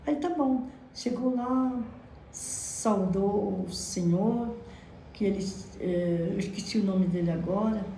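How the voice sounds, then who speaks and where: A woman's voice: medium pitch, slow, mellow. A Brazilian woman in her thirties with a Brazilian Portuguese accent, giving a fervent religious testimony into a phone. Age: 30s. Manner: fervent, frequent praise exclamations. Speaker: church member giving testimony. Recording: echoey room, faint background noise.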